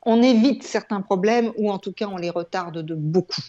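A mellow, mid-range voice at a moderate pace belongs to a woman in her sixties, an eye yoga trainer and author interviewed as a guest over video call. She explains things conversationally, with emphasis and repeated words. She's in a room at home with shelves, and the wired-earphone audio sounds dull and lo-fi.

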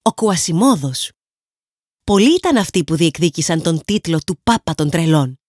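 A Greek woman narrates a scripted storybook audiobook with an expressive delivery and animated, swinging pitch. Her middle-height voice sounds dry and close to the mic, and the recording is dry.

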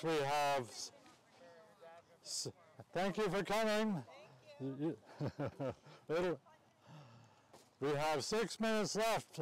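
A man announcing a live outdoor contest at a cow pasture, bantering jokingly with the crowd and teasing the waiting audience. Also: a little high. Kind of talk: casual live event announcing.

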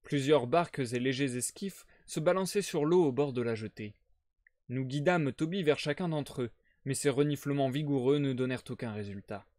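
A man reading a novel aloud on a live stream, narrating steadily and clearly. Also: a little high, a little mellow, dry recording, clean studio sound. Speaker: reader.

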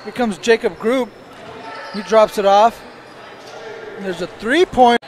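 A man's voice: high voice, unhurried. A man calling basketball play-by-play, following each pass and shot. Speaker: play-by-play commentator.

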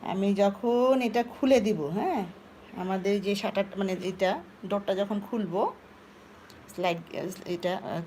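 A woman, chatting to viewers in a casual live vlog at home and coaxing her cats in soft baby talk. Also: medium pitch, a little hiss or hum. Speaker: vlogger talking to her cats. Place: home indoors by a sliding glass door.

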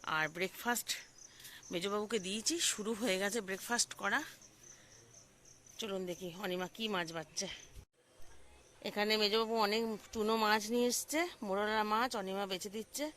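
A woman's voice: mid-range voice, moderate pace, pauses often, a bit bright, a little hiss or hum. A middle-aged woman hosting a casual home vlog from her kitchen, chatty and keeps asking viewers questions as if they were friends. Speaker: vlogger host. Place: home kitchen and dining room.

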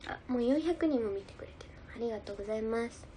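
A woman's voice: on the high side, fast talker, warm tone, a little hiss or hum. A young woman idol chatting casually on a livestream, giggling as she reads out and answers viewer comments. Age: young adult.

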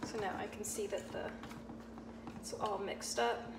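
A young woman, a sous chef, explaining a cooking demonstration step by step in a relaxed way, with frequent ums. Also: medium pitch, measured pace. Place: home-style kitchen, indoors. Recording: echoey kitchen with audible background noise.

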